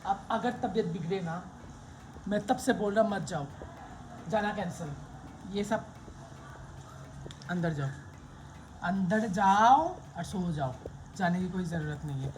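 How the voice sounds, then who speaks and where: A man's voice: sits high, measured pace, pauses often, a little mellow, a little hiss or hum. A man co-hosting a casual home vlog, teasing and scolding his partner in a bossy way. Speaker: vlog co-host. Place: home room.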